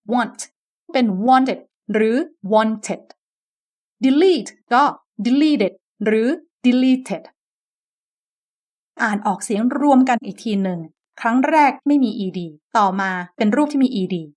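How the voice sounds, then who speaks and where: A woman teaching English pronunciation in a slow, deliberate lesson, modelling each sound clearly and repeating words for the listener to copy. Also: fairly high pitch, animated, a little mellow.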